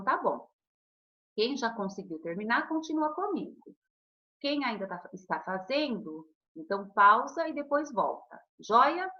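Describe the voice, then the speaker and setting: A Brazilian woman teaching children in a recorded online lesson, her pitch rising and falling with animation. She speaks patiently and affectionately and draws words out slowly, and the sound is dull and lo-fi. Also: bright, forceful tone. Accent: Brazilian Portuguese. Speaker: primary school teacher.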